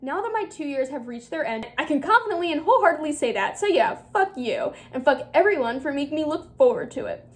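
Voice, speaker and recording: A woman's voice: high-pitched, big pitch swings, fast talker. A young woman reading her old diary aloud in an embarrassed, self-mocking way, with casual, theatrical asides and swearing. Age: young adult. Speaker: vlogger.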